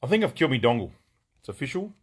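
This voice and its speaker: A man's voice: medium pitch, very animated, very fast, slightly rough. Chatty Australian man hosting a live stream. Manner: chatty, greets viewers by name, rambling with fillers and jokes. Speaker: gun shop owner hosting a live stream. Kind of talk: casual live-stream product chat.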